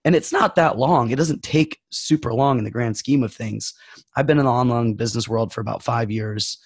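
A man co-hosting a casual podcast, hoarse and nasal from a cough, upbeat and joking. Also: mid-range voice, brisk, dry recording, studio quality. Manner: joking, upbeat, powering through. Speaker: podcast co-host.

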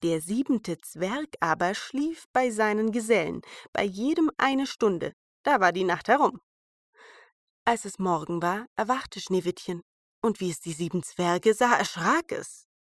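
A woman reading a fairy tale aloud in an even, measured storytelling manner. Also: mid-range voice, dry recording.

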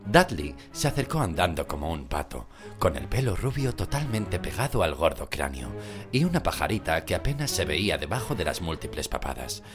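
A man reading a novel aloud as an audiobook narrator, with expressive storytelling. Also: low-pitched, normal speed. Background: background music.

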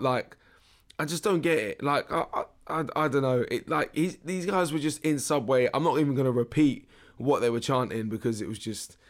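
A young British man with a hoarse, worn-out voice, hosting a casual podcast in a jokey, slangy, rambling way. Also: medium pitch. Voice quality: hoarse, strained voice. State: hoarse, losing his voice. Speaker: podcast host. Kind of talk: casual solo podcast chat.

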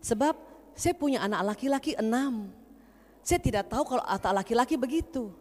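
An apologetic, emotional mother of six sons pours out her regret, as a woman retells her words. The voice sits a little high and pleads earnestly. The sound carries a long hall reverb. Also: expressive, a little fast, darkish tone. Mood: earnest, remorseful.

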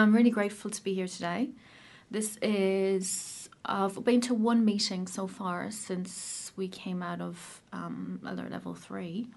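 An Irish woman, likely in her thirties, tells her personal recovery story casually and hesitantly, pausing and restarting often. Her voice is medium in pitch, a little mellow, with some vocal fry.

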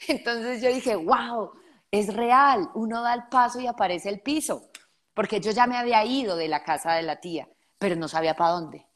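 A woman's voice: a little high, normal speed. A young adult woman with a Colombian accent, a guest actress telling stories in an interview and acting out other people's voices as she goes. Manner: animated storyteller who acts out others' voices. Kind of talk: storytelling interview.

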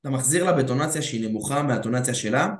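A man in casual podcast talk, coaching on dating with an easy, street-level directness and a habit of acting out both sides of a conversation. His mid-range voice sits in a noticeably roomy, echoing space. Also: medium pitch. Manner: calls the listener bro, acts out dialogue. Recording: roomy echo.

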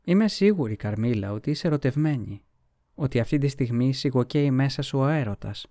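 A man voicing an earnest, caring young woman in a storybook reading, speaking with warm concern. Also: medium pitch, lively intonation, no echo, clean studio sound, close to an everyday voice.

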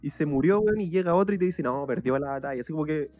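A man's voice: on the high side, expressive, quick pace, darkish tone, dry recording, soft background music. A Chilean man with a Chilean accent, co-hosting a casual podcast chat in crude slang, often stumbling and restarting his sentences. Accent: Chilean Spanish. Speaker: podcast co-host.

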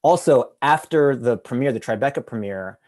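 An actor on a film panel tells a story casually and loosely, rambling and leaning heavily on the word "like." His mid-range voice is expressive and a little mellow at normal speed.

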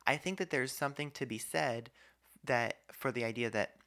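Bright-voiced, talkative podcast host man. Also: mid-range voice, moderate pace. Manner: talkative, argumentative, uses many asides. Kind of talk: casual faith podcast conversation.

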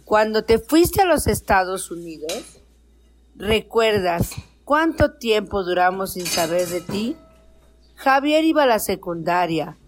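A woman's voice: mid-range voice, slight background noise. An actress playing a hardworking, reproachful middle-aged mother in a radio drama. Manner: reproachful, steady.

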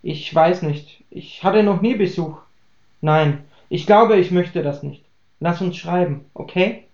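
A man's voice: high-pitched, darkish tone. A man reading aloud, voicing a shy young woman who answers hesitantly through a closed door. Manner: hesitant, halting. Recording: roomy, dull lo-fi recording.

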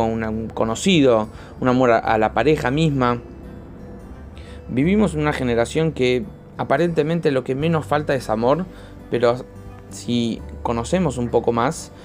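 A man gives a short religious talk, telling a parable and then explaining it with measured pauses. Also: medium pitch, darkish tone.

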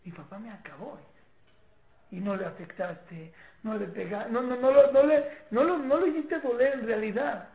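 A woman with a Mexican accent teaching a parenting class in a lively, informal way, acting out parents and children and often repeating herself. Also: a little high, moderate pace. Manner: animated, acts out parents and children, repeats words. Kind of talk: informal class talk with students. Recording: echoey room, tinny phone-like sound.

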